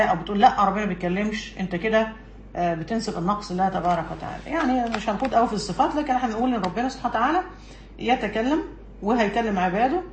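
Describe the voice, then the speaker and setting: A woman with an Egyptian accent giving a religious lesson from a book, emphatic and putting rhetorical questions to her listeners. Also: mid-range voice. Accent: Egyptian Arabic. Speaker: religious teacher. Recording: echoey room with faint background noise.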